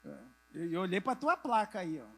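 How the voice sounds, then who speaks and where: At a church convention hall with a live audience, a middle-aged pastor preaches to church leaders in a high-pitched, very animated voice with vocal fry, at normal speed. He poses questions and answers them himself, sometimes asks people to raise hands or turn to a neighbor, and occasionally drops to a soft voice.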